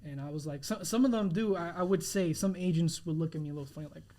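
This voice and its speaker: Young man talking earnestly, halting. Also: on the high side, mellow. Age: 20s. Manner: earnest, halting, many restarts and fillers. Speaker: realtor guest. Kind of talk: casual interview chat.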